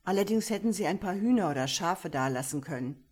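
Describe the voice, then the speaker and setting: A woman's voice: lowish voice, expressive, fairly quick, a little mellow. Woman voicing a young male scout, puzzled, plain-spoken, audiobook.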